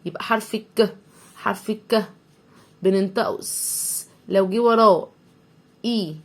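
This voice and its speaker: A woman with an Egyptian Arabic accent teaches English vocabulary to young children. She breaks each word into its sounds and repeats it slowly several times. Her voice sits at an ordinary middle pitch. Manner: sounds words out letter by letter. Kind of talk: vocabulary lesson for young pupils.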